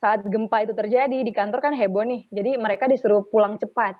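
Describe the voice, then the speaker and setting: A young woman from Palu, a radio announcer, telling her own story in a casual interview with animated, run-on sentences. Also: fairly high pitch, fast, no echo. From Palu, Central Sulawesi, Indonesia. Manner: animated, recounts events in long run-on sentences. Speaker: radio announcer and podcast guest. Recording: tinny phone-like line, dry.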